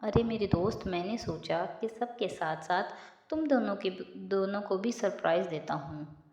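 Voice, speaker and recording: A woman voicing a playful young man in love who teases his fiancée, read in a slow, mischievous storybook voice. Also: medium pitch, expressive, darkish tone. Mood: teasing. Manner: teasing, mischievous. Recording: echoey room, slightly dull.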